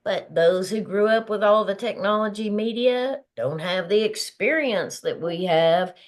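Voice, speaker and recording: Woman in her 50s hosting a pep-talk show, laughs a lot, slow easy pace. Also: mid-range voice. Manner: laughs often, earnest and encouraging. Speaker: podcast host. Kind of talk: casual motivational talk.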